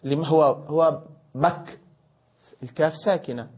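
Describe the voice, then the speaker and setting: A man with a fairly high, slightly rough voice teaches a grammar lesson at an unhurried pace. He questions and corrects his students, repeating and rephrasing points to explain them. The classroom recording is dull and lo-fi.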